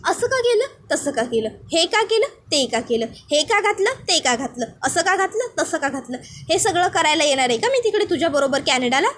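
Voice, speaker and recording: A woman's voice: high voice, animated, quick pace, hardly any pauses, a little hiss or hum. A woman voicing a fiery young woman who angrily insults her fiancé. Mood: furious. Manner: insulting, indignant.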